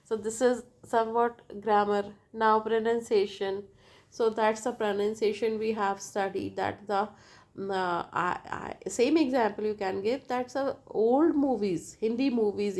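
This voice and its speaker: Slow-paced Indian woman lecturing. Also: mid-range voice, a little mellow. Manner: halting, repetitive, often checks with "right?". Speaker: linguistics teacher. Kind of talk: lecture explanation.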